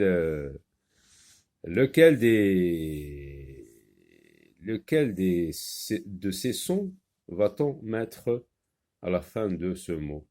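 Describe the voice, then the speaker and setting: A man teaching a primary-school French reading lesson, sounding out words syllable by syllable, repeating them, and pausing with "euh" while he explains. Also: on the low side, darkish tone.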